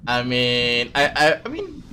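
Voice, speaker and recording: A man's voice: mid-range voice, huge pitch swings, a little slow, pushed and bright. A man from Malaysia hosting a casual livestream chat, talking hesitantly with many fillers and restarts. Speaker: streamer host.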